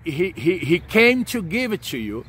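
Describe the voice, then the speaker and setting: A man's voice: high voice, very animated, unhurried, a bit bright, slightly rough. A man in his forties preaching informally and earnestly to camera, repeating himself and punctuating his points with short check-ins. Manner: earnest, repetitive, punctuated with "okay" and "amen". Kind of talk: informal sermon of encouragement spoken to camera. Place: outdoors under a leafy tree.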